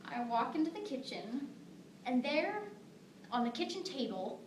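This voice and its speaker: In a dramatic monologue performed at a competition, a woman plays a devoted young mother fondly recalling her daughter, telling stories conversationally with asides to listeners. Her high voice is sing-song and a little slow, sounding amused and fond. The recording is roomy and distant in an echoing room, with faint noise.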